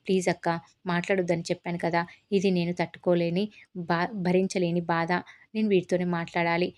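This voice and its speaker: A woman voicing an angry, hurt young wife in a family drama recap, calling out and hurling accusations at her husband in a low voice. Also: level tone, fairly quick, lightly acted. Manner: shouting accusations.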